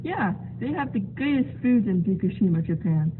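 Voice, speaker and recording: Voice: mid-range voice, expressive, normal speed, natural voice. A performer voicing a chatty, goofy sock puppet guide in a muffled voice, in an amateur puppet show. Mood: reassuring. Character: chatty sock puppet showing a newcomer around town. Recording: tinny phone-like sound, faint noise.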